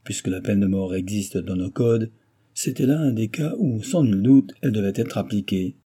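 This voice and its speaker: A man narrating a classic novel in a steady, measured reading. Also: lowish voice, breathy edge. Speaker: audiobook narrator. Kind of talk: scripted narration.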